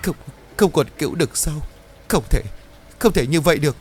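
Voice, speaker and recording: A man voicing a desperate middle-aged woman who begs for help in a high, tearful voice. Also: expressive, normal speed, a little hiss or hum, natural voice. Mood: pleading tearful. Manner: tearful, pleading, high-pitched.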